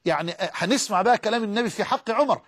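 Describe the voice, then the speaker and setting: A man's voice: high voice, expressive, very fast, a bit bright, slightly rough. A man preaching in Egyptian Arabic, delivering an emotive religious lecture that moves between recited scripture and colloquial speech. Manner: emotive, swearing oaths, mixing Quranic recitation with colloquial speech.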